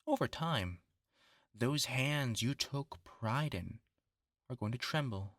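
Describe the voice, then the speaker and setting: A voice actor plays a gloating, vengeful superhuman scientist in a horror audio drama, speaking slowly and theatrically with wide pitch swings, lively intonation and mocking menace. His bright, sharp full character voice is recorded very dry and close, with no room sound. The mood is gloating and cruel.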